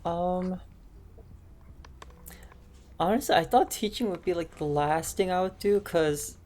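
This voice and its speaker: Speaking unhurriedly in a fairly low, slightly mellow voice, this young adult podcast guest, an aspiring teacher, gives casual interview answers. She hesitates often and leans on fillers like "like" and "um."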